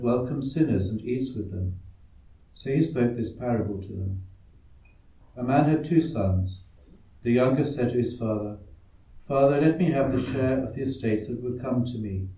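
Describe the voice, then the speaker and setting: Male priest, Gospel reading, very dark mellow voice, cathedral echo, recorded from a distance in a vast stone church. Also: medium pitch. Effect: cathedral echo, voice ringing through a large stone church. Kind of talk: liturgical scripture reading. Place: large church. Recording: echoey church heard from far off.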